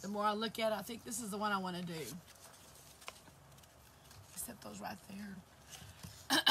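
A hoarse woman hosting a craft channel chats through a livestream, greeting viewers as she works with her hands. Her pitch is medium and her pace measured, with frequent pauses and a sharp tone. She's filmed by a camera facing her across the table in an indoor craft room with shelves, and there's a little hiss or hum.

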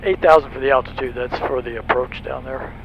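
In a small aircraft cockpit, a private pilot who hosts videos offers casual, explanatory commentary and makes radio calls over steady engine noise. His mid-range voice is gravelly and a little fast, and the sound is lo-fi.

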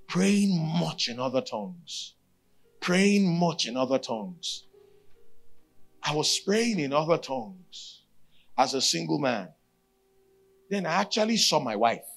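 A man's voice: mid-range voice, creaky. A middle-aged man with a Nigerian accent preaching a sermon, emphatic and given to repeating key phrases. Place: stage at a church retreat, indoors. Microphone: handheld microphone.

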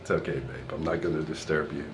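A rumbling low voice with a steady tone and quick pace narrates a chatty, filler-heavy walking tour of a two-story house that partly moves out onto a balcony. A little hiss or hum comes through the handheld phone camera he films with while walking.

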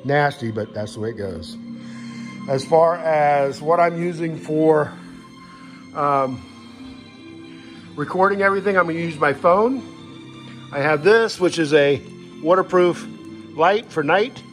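Holding his phone camera in a home living room, a man who hikes shows off his gear in a folksy, matter-of-fact, unscripted way. His fairly high voice is unhurried, with long pauses, and soft music plays in the background.

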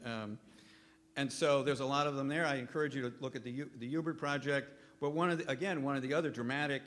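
A man's voice: mid-range voice, a bit bright. A man in his fifties giving a conference keynote lecture from a podium microphone in a hotel ballroom, often stopping to correct himself. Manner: halting, self-correcting delivery. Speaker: keynote speaker.

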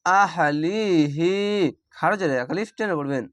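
Spelling each word letter by letter and drawing out the recited words, a young Bangladeshi man leads a slow spelled-out Quran recitation lesson in a Bangladeshi Bengali accent. His voice sits high with a fairly bright tone, and he moves at a moderate pace. The sound is close to the mic with no room sound.

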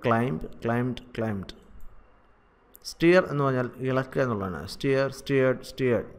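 A man's voice: mid-range voice, vocal fry. Malayali man drilling English verbs. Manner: drills verb forms slowly and repetitively. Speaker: English teacher. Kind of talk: spoken English lesson in Malayalam.

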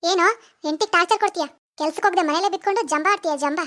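A woman's voice: very high voice, racing, fairly bright tone. A woman voicing a vengeful female ghost in a cartoon, scolding and threatening a lazy husband. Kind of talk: animated cartoon voice acting.

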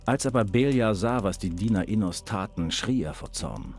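An actor playing a terse male game hero who speaks plainly and curtly, with a husky voice. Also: on the low side, moderate pace, darkish tone, lightly acted. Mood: reading. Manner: plain, curt. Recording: game audio with faint music.

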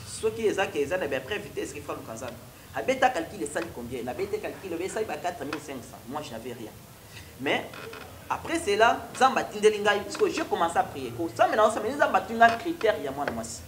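A man's voice: sits high, sing-song, fast, fairly bright tone, reverberant, slight background noise. A young man with a Congolese accent, a prophet telling his testimony in a TV studio interview, switching between French and Lingala. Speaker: prophet guest. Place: TV studio with stone wall backdrop.

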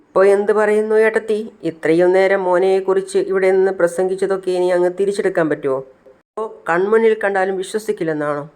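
A man's voice: sits high, steady tone, quick pace, darkish tone, clean tone, close to an everyday voice. A man doing a gloating, scheming aunt. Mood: taunting. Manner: mocking, taunting.

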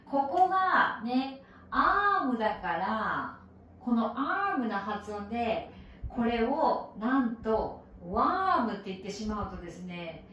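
Animated Japanese woman teaching in echo. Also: fairly high pitch, slow pace, slight background noise. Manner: animated, explains with playful sound effects. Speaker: English teacher. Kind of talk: recorded English lesson. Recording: echoey room from far off.

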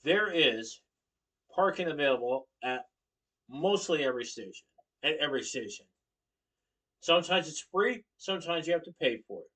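This young Connecticut man has a fairly high, expressive, somewhat bright voice, speaking at a moderate pace and pausing often. He stands and gestures in his living room while delivering an informative speech for class, correcting himself now and then. The webcam sits across the room, making him sound far away.

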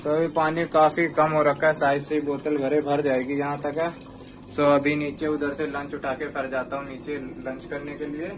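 Young male vlogger in his 20s, chatty running commentary, slightly high voice, workshop noise behind, phone mic. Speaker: vlogger at a garment factory. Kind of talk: casual vlog narration. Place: small garment workshop, indoors. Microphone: handheld phone camera.

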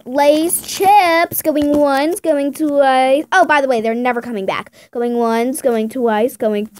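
Smug bratty scammer girl voiced by a young woman, loud n showy, kinda high, toy roleplay vid. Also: slow, slight background noise. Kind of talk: toy video role-play.

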